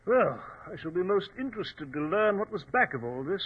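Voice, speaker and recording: An actor playing an earnest, easily flustered gentleman doctor and loyal companion in 1940s radio drama style. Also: high-pitched, sing-song, moderate pace, husky, heavily acted. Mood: puzzled, indignant. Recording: dull vintage radio recording.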